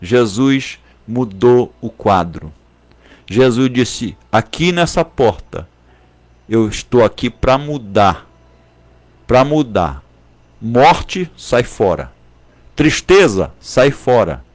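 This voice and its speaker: A man preaching a sermon in a Brazilian Portuguese accent, repeating phrases for emphasis and at times speaking in tongues. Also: mid-range voice. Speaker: pastor.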